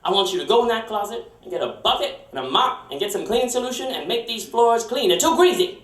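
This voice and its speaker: A man's voice: high voice, expressive, fast, voice pushed up. A man doing a bossy, scolding kitchen boss lady. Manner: loud, scolding, barked orders. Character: bossy, short-tempered woman kitchen boss. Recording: roomy live stage, heard from far off, audience laughter.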